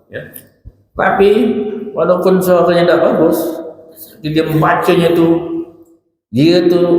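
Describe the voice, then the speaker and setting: A man's voice: on the high side, a little mellow. A male religious teacher, giving an informal study talk to women. He talks in a chatty way, teases his listeners and addresses them directly. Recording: very echoey hall with long reverb.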